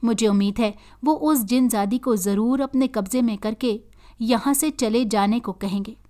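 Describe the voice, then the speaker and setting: A woman's voice: fairly high pitch, normal speed, warm tone, natural voice. A woman voicing a loyal young male friend who reassures the hero, in a read-aloud story. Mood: concerned.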